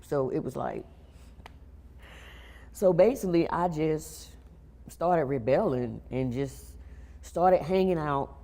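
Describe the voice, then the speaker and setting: Low, mellow-voiced woman giving testimony. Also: lively intonation, slow, long pauses. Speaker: guest. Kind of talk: personal testimony interview.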